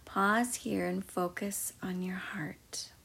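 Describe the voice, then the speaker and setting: A woman guiding a meditation in a soft, slow, mostly whispered voice. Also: medium pitch, fairly even intonation, gravelly, husky. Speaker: meditation guide. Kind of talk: guided meditation.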